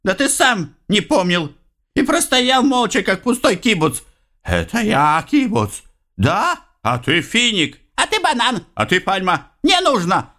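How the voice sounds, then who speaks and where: A man's voice: high-pitched, big pitch swings, a little slow, pushed and bright, voice pushed up, exaggerated voice. A man voicing a band of childish, squabbling bearded male spirits in an audiobook reading. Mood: bickering.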